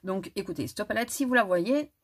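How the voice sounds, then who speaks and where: A woman's voice: mid-range voice, expressive, brisk. A middle-aged woman reviewing a makeup palette in a casual vlog, chatty and hesitant, with frequent restarts and small laughs. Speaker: beauty vlogger.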